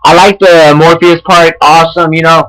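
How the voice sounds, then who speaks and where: Young man, bright voice, rambling casual feedback host, swears a lot. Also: on the high side, level tone, normal speed, smooth, poor audio. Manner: rambling, profane, many restarts and fillers. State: out of breath. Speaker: online wrestling roleplay host giving feedback.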